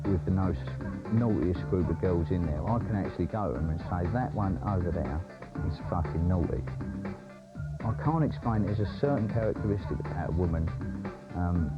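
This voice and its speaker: A man's voice: low voice, normal speed. A man in a documentary interview, boastful and blunt, swearing freely, heard off a worn VHS tape copy. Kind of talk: candid interview talk. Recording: dull worn tape copy with music behind.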